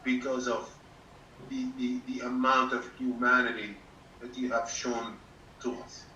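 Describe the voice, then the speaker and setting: A man, a doctor, speaking sincerely but haltingly on a video call, with many pauses and filler words. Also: medium pitch, flat delivery, bright, forceful tone. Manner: halting, full of uh's, formal and sincere. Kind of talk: thanking a guest on a video call. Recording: muffled, distant, echoey room with faint hum.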